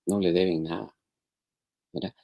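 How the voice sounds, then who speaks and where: A man's voice: deep voice, steady tone, unhurried, creaky, no echo, dull audio. A man co-hosting a live-streamed marriage talk, explaining scripture in a teacherly way and often restarting his phrases.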